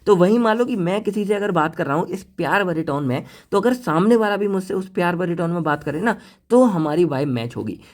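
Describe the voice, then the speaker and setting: A male pharmacy lecturer with a high, expressive voice talks briskly in a casual classroom lecture. He teaches chattily, blending Hindi with English terms and addressing students directly and playfully.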